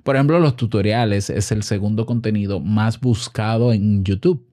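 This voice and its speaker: This online business content creator, who comes from the Dominican Republic and has a Dominican accent, speaks in a lowish, warm voice at a moderate pace. His informal explainer is didactic, built around questions he asks and then answers on his own.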